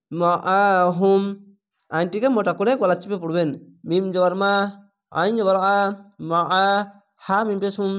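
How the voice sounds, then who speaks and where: A man teaching Quran reading, spelling out Arabic words slowly syllable by syllable. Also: high voice, smooth. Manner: slow, drawn-out syllable-by-syllable spelling and chanting. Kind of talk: spelling-out Quran recitation lesson.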